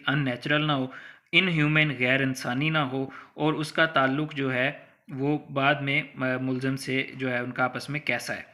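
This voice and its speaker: This law lecturer's voice sits on the high side with a sharp tone, and he has a Pakistani accent. Conversational and didactic, he breaks things down step by step, weaves in English legal terms, and acts out hypothetical cases.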